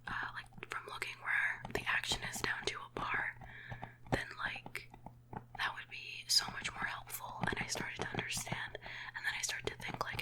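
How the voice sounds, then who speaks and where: A woman whispers softly and breathily in an informal, rambling ASMR gaming chat, with finger tapping on cases. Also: rough recording. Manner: rambling, informal, excited gamer talk. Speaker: ASMR gaming video host. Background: finger tapping on game cases.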